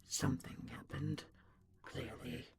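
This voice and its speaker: In an audio roleplay, a man voices an ancient, secretive yet tender dragon, using a gravelly, often whispery voice with measured, intimate delivery. The acting is light, and the mood carries hurt concern.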